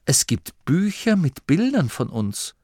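A man voicing a curious, practical female gnome in a raised, lively voice. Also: a little high, measured pace, slightly rough, dry recording, clean studio sound, voice pushed up, heavily acted.

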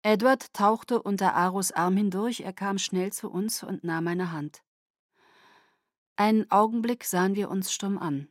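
A woman narrates a novel in the first person, calm and measured. Her pitch sits in the middle of the range. The recording is dry and close, with no room sound. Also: no room sound. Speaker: audiobook narrator.

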